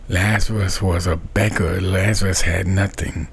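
A middle-aged man preaching a webcam sermon from a small bedroom, with a slow, repetitive preaching cadence. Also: sits low, fairly even intonation, vocal fry, husky. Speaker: street preacher.

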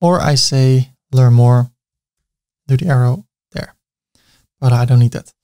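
A web design tutor in his thirties, with a clear Dutch accent, walks through building a website step by step in a screen-recorded software tutorial. His mid-pitched voice is warm and measured in pace. He keeps things chatty, tossing in small self-mocking jokes.

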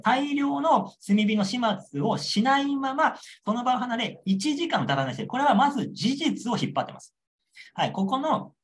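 A young man lecturing on a model exam answer, repeating key points and checking understanding with rhetorical questions. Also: high voice.

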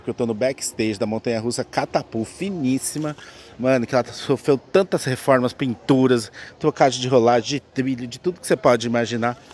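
A man's voice: mid-range voice, a little mellow. A Brazilian man, playful and slangy, giving an informal on-location video report into a handheld microphone, addressing viewers directly. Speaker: reporter, presenter. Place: outdoors at an amusement park. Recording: clear outdoor ambient noise.

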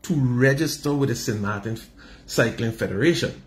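A man's voice: mid-range voice, normal speed, reverberant. Persistent Caribbean male radio interviewer. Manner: persistent questioning, rephrases and repeats. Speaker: sports radio host, interviewer. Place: small radio studio, indoors. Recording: studio with faint background noise.

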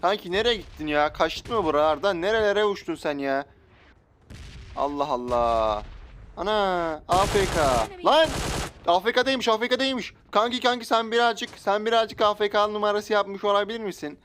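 A young man giving loud, joking commentary while playing a shooter game, often shouting out at sudden moments. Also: high voice, normal speed, slight background noise. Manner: loud outbursts, joking, slangy. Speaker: gaming YouTuber. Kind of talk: excited gameplay commentary. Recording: faint game sounds and gunfire.

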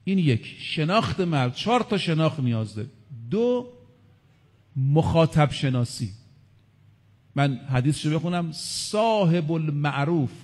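A man's voice: on the high side, darkish tone, big-room sound. A male cleric giving a religious lecture. He counts his points aloud and quotes Arabic sayings. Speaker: cleric preacher.

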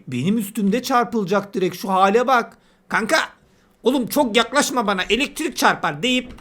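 A man with a high-pitched, sharp voice gives casual let's-play commentary as a gameplay commentator. He's chatty and teasing, talking to the game's characters while he plays.

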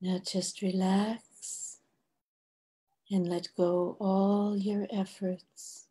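An older woman leading a guided meditation in a soft, hushed, soothing voice, leaving long pauses. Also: medium pitch, flat delivery, husky. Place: bright room at home, indoors. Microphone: video call microphone.

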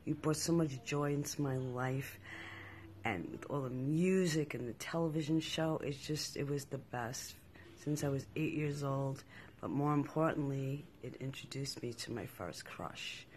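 A man from New York recording a sincere, slightly halting fan greeting on a phone in his kitchen. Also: mid-range voice, darkish tone, slight background noise. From Queens, New York.

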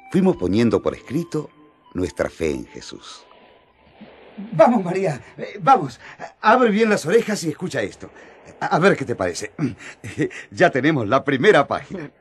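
An actor playing John the apostle, an earnest, excitable man who speaks emphatically and coaxingly in a radio drama. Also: medium pitch. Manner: emphatic, halting with eagerness, coaxing. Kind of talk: radio drama acting in colloquial Spanish.

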